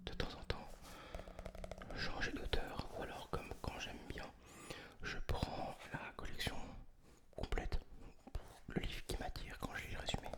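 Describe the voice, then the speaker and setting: A person speaking entirely in a breathy whisper, close to the mic, presenting books in a casual, informal ASMR style. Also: a little slow, long pauses. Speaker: ASMR video host. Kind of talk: whispered ASMR book review, casual chat.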